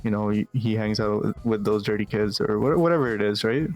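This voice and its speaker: Over soft background music, a Calgary-based man in his twenties, originally from Pakistan, answers earnestly in a casual interview, repeating words to stress his points. His voice is lowish and darkish in tone, fairly quick, with fairly even intonation.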